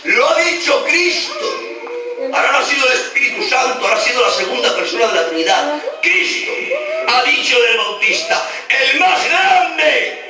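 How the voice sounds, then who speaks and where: A high-voiced Spanish preacher with a Spain accent, his lively delivery swinging from shouts to near whispers. The sound comes from an old cassette dictaphone recording made far from the pulpit in a large church hall. Heavy echo fills the hall, and clear music runs behind him. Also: moderate pace. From Spain, Extremadura. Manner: dramatic, swings from shouting to hushed low tones. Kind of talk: Pentecostal-style sermon. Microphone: handheld dictaphone in the congregation. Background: music and congregation responses.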